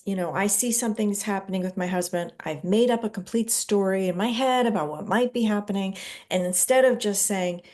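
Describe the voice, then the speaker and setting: A woman's voice: mid-range voice, a little mellow. A woman hosting a casual book club discussion, explaining ideas and acting out short examples from her own marriage.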